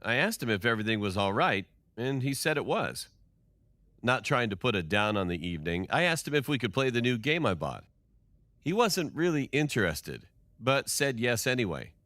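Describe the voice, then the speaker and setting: A man giving a scripted first-person narration of a story in a steady storytelling delivery. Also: mid-range voice, moderate pace, dry recording, studio quality.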